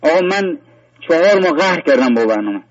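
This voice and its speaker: A man's voice: on the high side, lively intonation, a crowd in the background. Earnest male caller on a muffled line. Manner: earnest, rambling with many fillers and restarts. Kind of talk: phone-in sharing a personal story. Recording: muffled phone-in line, distant.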